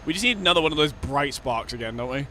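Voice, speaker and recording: Sweary Scottish streamer, bright voice. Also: male voice, mid-range voice, animated, rapid-fire, slight background noise. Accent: Scottish, Glasgow. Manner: rambling, heavy swearing, frequent laughter. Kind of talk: casual live-stream chat while gaming.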